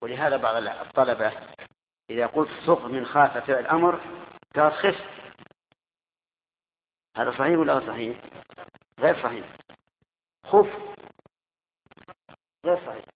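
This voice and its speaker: A man's voice: medium pitch, fast talker, pauses often, a little hiss or hum. A man teaching a grammar class, quizzing his students and repeating their answers. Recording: tinny echoey hall recording.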